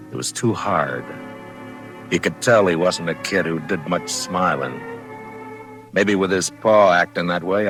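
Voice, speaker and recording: A deep-voiced male actor gives a full character performance as a steady, laconic, middle-aged frontier US Marshal in an old-time radio western, calm and plainspoken with an American accent. He acts and narrates in the first person. The vintage radio recording has music playing behind him.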